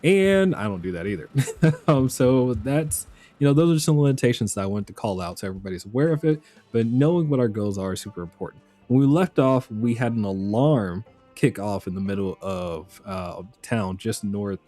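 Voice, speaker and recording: A man giving relaxed, chatty live commentary while streaming a survival game, laughing often. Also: medium pitch, moderate pace, soft background music.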